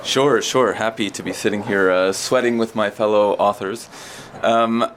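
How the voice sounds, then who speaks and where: Guy with a lowish voice, laid back, lots of uhs, slight hiss behind. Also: steady tone, normal speed, a bit bright. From United States. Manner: easygoing, many uh fillers. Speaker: author guest. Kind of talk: casual interview chat. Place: inside a sauna at an outdoor festival.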